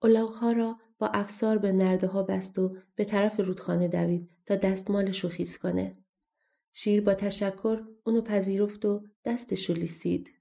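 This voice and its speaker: A woman narrating a fairy-tale audiobook in a steady, even storytelling manner. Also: medium pitch, vocal fry.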